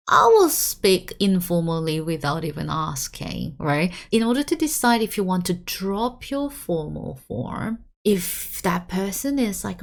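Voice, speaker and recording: A woman teaching a video language lesson in a chatty, animated way, often checking in with her listeners. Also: mid-range voice. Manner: animated, with swoops up for emphasis.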